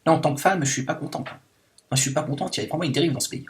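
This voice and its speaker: Playing a self-proclaimed liberated woman, a man delivers a satirical rant stuffed with endless fillers and mock indignation. He talks very fast in a slightly high voice that stays close to his everyday one.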